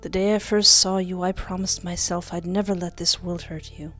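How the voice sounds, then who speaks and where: A woman with a lowish voice streams a game at normal speed, joking around over game music. She's a gaming video host mixing playful let's-play commentary with reading game text aloud, recorded at home on a close desktop mic with a headset.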